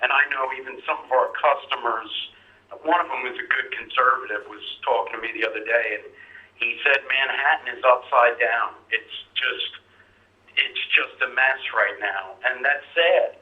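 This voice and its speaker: A man's voice: mid-range voice, moderate pace. Caller man over a landline phone. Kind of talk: casual call-in chat. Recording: roomy, distant, dull phone line.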